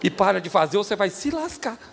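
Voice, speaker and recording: A Brazilian man preaching a sermon as pastor, animated and joking, shouting out the lines he acts out. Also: sits high, fairly quick, creaky, over a noisy crowd, very noisy. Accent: Brazilian Portuguese. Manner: animated, jokey, shouts acted-out quotes. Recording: reverberant hall, faint ambience.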